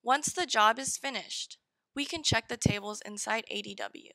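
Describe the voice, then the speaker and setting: A woman with a fairly high, bright voice narrates a software tutorial step by step, giving short, direct instructions. The sound is dry and close to the mic. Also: normal speed, dry recording, poor audio. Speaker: software demo presenter.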